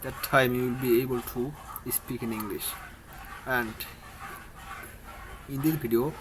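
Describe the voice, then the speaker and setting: Speaking slowly and evenly, a medium-pitched man with a Bangladeshi accent gives an informal English lesson to camera for beginners. He's earnest but halting, restarting often and using broken grammar, while a faint hum runs in the background.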